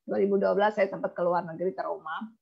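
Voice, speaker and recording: Woman speaker, gravelly and husky, emotional storytelling, dull lo-fi recording. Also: medium pitch, steady tone, fast. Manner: emotional, acts out quoted dialogue. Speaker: insurance agent giving a talk. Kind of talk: personal storytelling talk.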